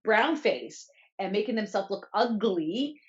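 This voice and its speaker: A woman's voice: medium pitch, lively intonation, a little slow, highs cut off. A woman co-hosting a casual chat show from Canada, chatty and often correcting herself. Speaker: co-host.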